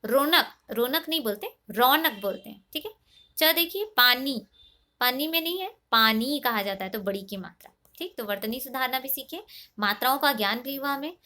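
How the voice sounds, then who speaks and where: Bright high-voiced woman teaching young kids. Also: expressive, a little fast. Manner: patient, asks and answers her own questions; mixes English words into her speech. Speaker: primary school teacher. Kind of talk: online class lesson.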